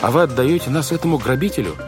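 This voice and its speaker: A man's voice: lowish voice, fast talker, over music, close to an everyday voice. A man voicing an indignant, determined girl. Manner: indignant, firm protesting.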